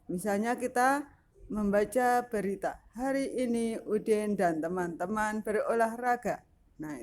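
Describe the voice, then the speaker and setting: Patient woman teacher explaining slowly. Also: fairly high pitch, darkish tone. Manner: patient, explains step by step with many fillers and "nah". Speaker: primary school teacher. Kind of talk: explaining a lesson to young children.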